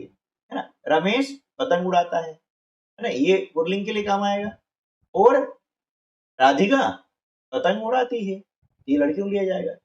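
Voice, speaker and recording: Patient man teaching slowly in an echoey room. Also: high-pitched. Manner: slow, patient, repeats words and asks "है ना". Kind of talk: Hindi workbook lesson for schoolchildren. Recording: echoey, dull sound from a distant mic.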